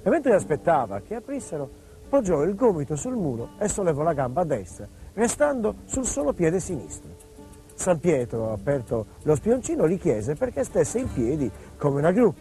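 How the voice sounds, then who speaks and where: A man tells a folk tale in a lively, theatrical way. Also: a little high, moderate pace, soft background music. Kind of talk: storytelling narration.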